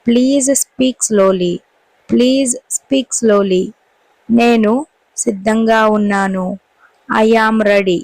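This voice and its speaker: A woman teacher, reading short English sentences slowly and clearly and repeating each one for learners. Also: mid-range voice, dry recording, poor audio. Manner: says each Telugu sentence briskly, then repeats the English twice, slow and clear. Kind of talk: language lesson.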